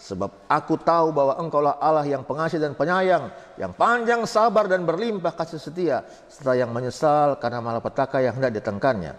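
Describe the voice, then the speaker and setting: A man's voice: on the high side, fairly quick, close to an everyday voice. A man voicing a bitter prophet who pleads in anguished prayer, in a sermon. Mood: bitter pleading. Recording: echoey hall.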